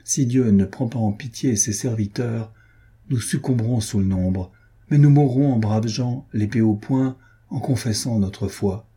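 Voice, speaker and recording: A man voicing an old nobleman's solemn letter in a classic novel reading, grave and measured. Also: medium pitch, warm tone, breathy edge.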